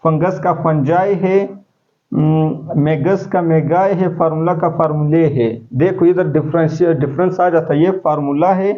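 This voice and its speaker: A man teaching a class, speaking in a somewhat high voice that he keeps throwing out as questions for his students. The lo-fi recording sounds dull and muffled. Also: steady tone, measured pace. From Pakistan. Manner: explains step by step, asking the class questions. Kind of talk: classroom lecture.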